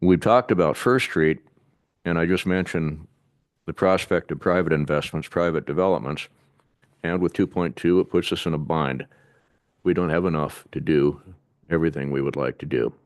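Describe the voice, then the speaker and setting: A man on city staff giving a measured, methodical briefing to a public board, now and then pausing to restart a phrase. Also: a bass voice, dry recording, clean studio sound. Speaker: city staff presenter to an urban renewal board. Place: city board meeting room.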